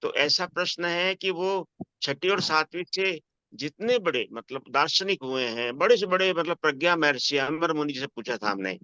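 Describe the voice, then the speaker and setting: A man with a bright, crisp voice poses questions in a relaxed spiritual conversation. He speaks thoughtfully and haltingly, pausing to find his words. The sound is dry and a little dull. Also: on the high side, dry recording. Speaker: conversation partner asking questions. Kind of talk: casual spiritual discussion.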